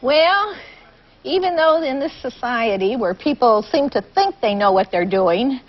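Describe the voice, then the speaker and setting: High, unhurried older woman contestant. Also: lively intonation. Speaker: game show contestant. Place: TV studio with audience. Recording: dull vintage TV recording, faint noise.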